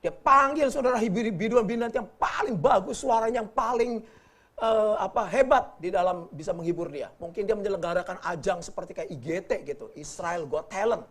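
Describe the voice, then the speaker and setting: A man's voice: high-pitched, fairly quick. A man preaching in a casual Bible teaching style, joking and often addressing his listeners directly. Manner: lively, jokey, often addresses listeners as brothers.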